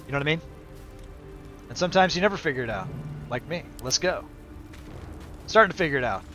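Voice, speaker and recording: A man's voice: fairly high pitch, lively intonation, fast talker. A middle-aged man chatting casually to viewers as he hosts a game livestream. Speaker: livestream host. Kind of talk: casual game stream chat. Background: game music.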